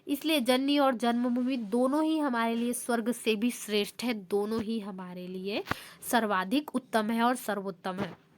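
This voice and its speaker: A young woman teacher going step by step through exam answers and reading sample sentences aloud in a steady, explanatory way. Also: a little high, moderate pace, a little hiss or hum.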